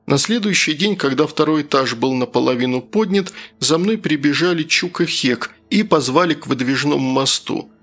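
A man reading a first-person fantasy audiobook in a steady storytelling voice. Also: fairly high pitch, moderate pace, few pauses. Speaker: audiobook narrator.

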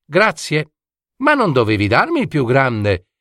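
A man's voice: medium pitch, wildly swooping pitch, unhurried, fairly bright tone, dry recording, studio quality. A man voicing a chatty, know-it-all male talking dormouse in a fairy tale he reads aloud, speaking eagerly and proudly. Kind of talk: storybook reading.

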